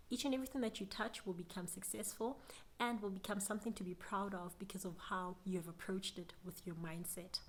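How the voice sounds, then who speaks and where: A woman's voice: medium pitch, a little hiss or hum. A young South African woman with a South African accent, giving an earnest, reflective motivational talk to camera about business. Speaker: business vlogger.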